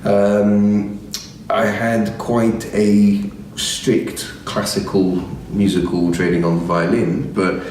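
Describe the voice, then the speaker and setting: A man from Egypt, a musician, talking in a relaxed, thoughtful interview and rambling with light humour. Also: fairly low pitch, slow pace. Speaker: musician guest. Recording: very echoey room, far from the mic, faint noise.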